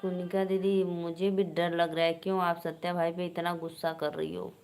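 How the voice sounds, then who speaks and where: A woman's voice: fairly low pitch, little pitch movement, moderate pace, a little mellow, a little hiss or hum. A woman with an Awadhi accent hosting a live stream, chatting casually and teasingly with viewers and greeting them by name.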